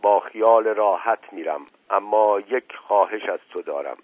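A man voicing a proud, ailing older patriarch who speaks slowly and commandingly, on a tinny, dry radio recording. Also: fairly low pitch, no echo, natural voice. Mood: stern. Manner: slow, commanding.

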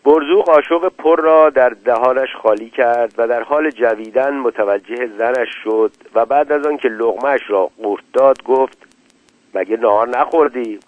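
A man calmly reading a short story aloud as narrator, in a measured way. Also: medium pitch, no room sound. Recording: tinny dry lo-fi radio recording.

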